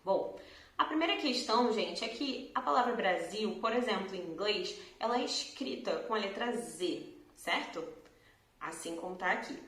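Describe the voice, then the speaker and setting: A woman teacher from Brazil with a Carioca accent, explaining pronunciation slowly and clearly and drawing out example words. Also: medium pitch, lively intonation, a bit bright. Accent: Carioca Brazilian Portuguese. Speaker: Portuguese teacher. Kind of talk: pronunciation lesson to camera. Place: room at home, in front of a door. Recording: echoey room.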